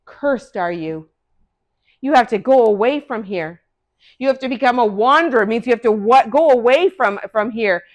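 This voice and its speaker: Woman voicing God, stern male judge, slow and grave, somewhat higher voice.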